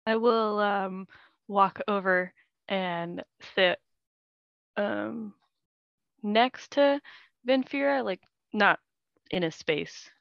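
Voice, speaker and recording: A woman's voice: mid-range voice, extremely slow, creaky, pauses often, fairly bright tone, clean tone, no echo, lo-fi sound. A woman playing a tabletop game, chatting casually about what her character does.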